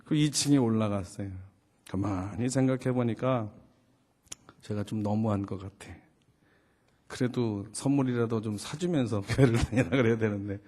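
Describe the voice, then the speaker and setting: A man's voice: moderate pace, warm tone. A pastor in his fifties preaching a sermon in a conversational storytelling way, asking rhetorical questions and acting out dialogue. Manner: acts out dialogue with rising pitch and volume.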